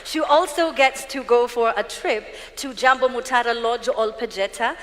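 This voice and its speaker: A woman's voice: a little high, normal speed. A woman with a Kenyan accent hosting a live awards ceremony, announcing from the stage in an effusive, congratulatory way. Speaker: awards show host. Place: large conference hall stage. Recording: echoey hall PA with music behind.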